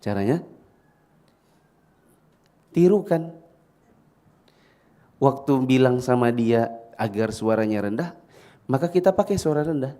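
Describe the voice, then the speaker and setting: A man's voice: mid-range voice, animated, a little slow, pauses often, mellow. A middle-aged man giving a parenting lecture in a mosque, talking casually, asking the audience questions and acting out parent and child exchanges. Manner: conversational, asks the audience questions and acts out child-parent dialogues. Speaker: ustadz giving a parenting talk.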